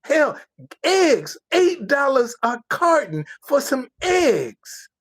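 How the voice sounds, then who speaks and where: Slow, preachy American man ranting. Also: very high-pitched, very animated, fairly bright tone. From United States. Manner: emphatic, preachy, repeats phrases for effect. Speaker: livestream commentator. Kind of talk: casual ranting monologue.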